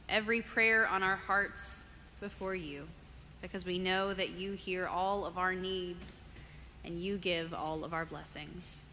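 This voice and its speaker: A woman leads church prayer as a minister, solemn and measured. She speaks slowly, phrase by phrase, in a medium pitch. Her words ring out with a long cathedral echo over noticeable background noise. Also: sharp tone. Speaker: minister leading congregational prayer. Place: large church sanctuary.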